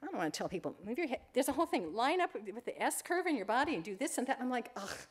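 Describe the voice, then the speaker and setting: A woman's voice: sits high, very animated, rapid-fire, slightly rough. Older woman, rambling talk, candid, emotional, conversational. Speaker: photographer giving a library talk. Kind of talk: informal public talk with Q&A.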